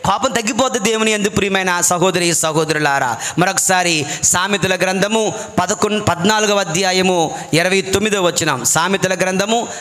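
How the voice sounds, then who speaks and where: Bright high-voiced preacher man. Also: normal speed. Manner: storytelling, acts out quoted voices. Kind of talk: sermon with anecdotes.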